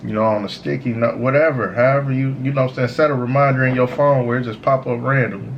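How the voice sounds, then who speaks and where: A man's voice: mid-range voice, fairly even intonation, fast talker, vocal fry, muffled recording, a little hiss or hum. Stoned man, meandering motivational talk. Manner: repeats "you know" tags, informal slangy phrasing. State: high on cannabis. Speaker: host of a smoke session series. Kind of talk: casual motivational monologue.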